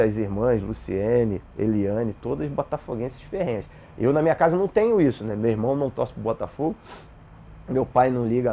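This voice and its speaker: A man, telling lively personal stories in a casual interview. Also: mid-range voice, gravelly. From Brazil. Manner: animated, acts out dialogue in his stories.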